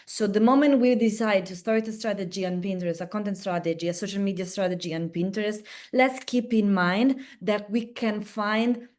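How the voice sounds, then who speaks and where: Speaking at normal speed with few pauses, an Italian-accented woman in a medium-pitched, darkish voice presents at a webinar as a platform representative. Her style is chatty, marked by frequent restarts and tag questions.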